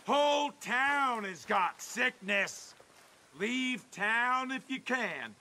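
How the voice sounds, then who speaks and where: An alarmed Old West town crier for a video game. He calls out urgent warnings very high and very slowly, stretching his cries. The voice is bright and forceful, over faint outdoor noise. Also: lively intonation, exaggerated voice. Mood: urgent pleading. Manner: town crier's loud, drawn-out calling out.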